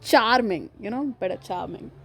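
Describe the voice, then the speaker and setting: A woman's voice: mid-range voice, animated, moderate pace, slightly rough. A young woman with an Indian accent chatting on her own podcast, joking, giggly and chatty. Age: young adult. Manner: chatty, mixes Hindi and English, joking, giggly. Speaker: podcast host. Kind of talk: casual solo podcast chat.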